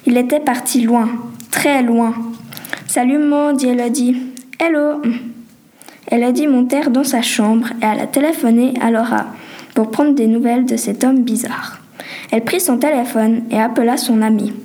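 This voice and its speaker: A woman reading a homemade story aloud in a plain, slightly halting way. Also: on the high side, fairly even intonation, mellow.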